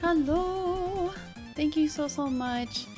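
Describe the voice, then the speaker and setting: Picture a woman livestreamer with a high voice and a playful gamer-girl manner. She chats casually with her viewers in a bubbly, chirpy way. Music plays softly behind her. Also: slow. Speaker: live streamer host. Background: background music.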